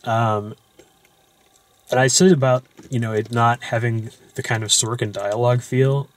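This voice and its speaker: A young man, who hosts movie discussions, chats casually about a film while sitting in a parked car at night. His mid-range voice is steady and a little slow, and he talks loosely, with lots of fillers and restarts.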